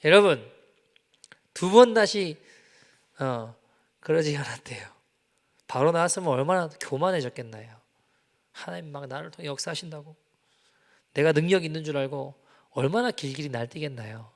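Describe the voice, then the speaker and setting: A male pastor preaching in a church sanctuary, his slightly high voice ringing with a long hall reverb. He tells the story with animation, acting out the quoted lines. His delivery swings between hushed and loud. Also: lively intonation, fairly quick, long pauses. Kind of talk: sermon with storytelling.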